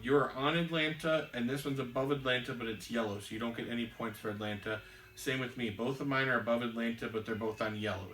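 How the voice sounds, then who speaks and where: A man hosts a board game show, walking through the rules patiently as he plays and filling pauses with frequent ums. His voice is medium-pitched and fairly bright, and the recording has a distant mic, a roomy echo and faint hiss.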